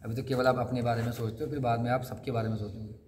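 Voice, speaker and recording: A man's voice: medium pitch, little pitch movement, rapid-fire, a little mellow. A man gives a conversational sermon at a scripture class, asking his listeners questions and acting out what people say. His voice rings with a long hall reverb. A faint hiss sits under the recording. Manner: conversational, asks the audience questions and acts out quotes. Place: temple hall.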